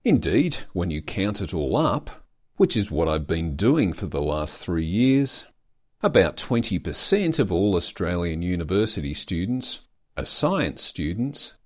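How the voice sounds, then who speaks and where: A man with a deep, low voice narrates his podcast from a script. His intonation rises and falls in a lively way, and his humor is dry and self-mocking. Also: unhurried. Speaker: podcast host, doctoral student.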